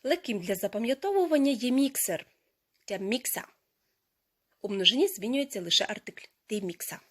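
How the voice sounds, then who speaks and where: A woman teaching a language lesson, explaining grammar step by step and saying each foreign word slowly and carefully. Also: a little high, animated. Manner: slow, careful pronunciation of foreign words.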